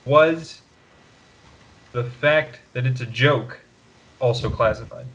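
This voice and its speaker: A man's voice: mid-range voice, slow pace, a bit bright. Joking, rambling young man, lo-fi audio. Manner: joking, rambling, laughs often. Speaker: podcast co-host. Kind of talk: casual chat. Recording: dull lo-fi podcast audio.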